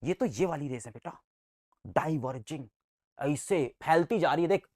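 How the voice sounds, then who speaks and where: A man's voice: a little high, expressive, normal speed, darkish tone, dry recording. A man teaching a science class in a playful, sing-song manner, with a voice that leaps up and down. He keeps repeating key words, quizzing his students and making sound effects. The sound is close and dry.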